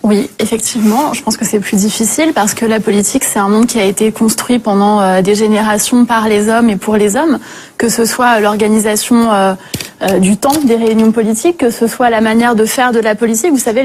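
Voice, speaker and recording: Thirties woman politician, composed and articulate, a touch high-pitched. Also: steady tone, brisk, darkish tone, a little hiss or hum. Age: 30s. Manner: composed, articulate, frequent "euh" fillers. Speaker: guest, politician. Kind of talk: studio talk show interview. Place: TV studio.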